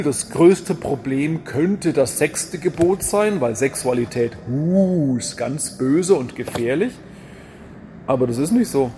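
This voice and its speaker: A man preaching a sermon in a lively, rhetorical manner, with wry asides and repeated refrains. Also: fairly high pitch, a little hiss or hum.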